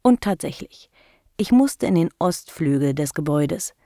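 A woman narrating a first-person story in a slow, measured, intimate reading. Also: sits low, lively intonation, mellow, no room sound, studio quality. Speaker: audiobook narrator.

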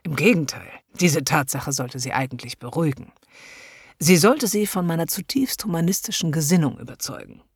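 A woman voicing a smooth-talking male hypnotist who speaks slowly and coaxingly, often close to a whisper. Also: sits low, lively intonation, dry recording, full character voice. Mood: smooth persuasive. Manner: slow, soft and coaxing, often near a whisper.

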